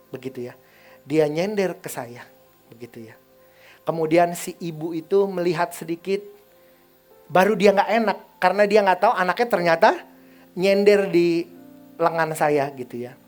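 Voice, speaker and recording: Male pastor, storytelling sermon, conversational, questions to congregation, faint background music. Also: high voice. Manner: chatty, keeps asking the congregation questions.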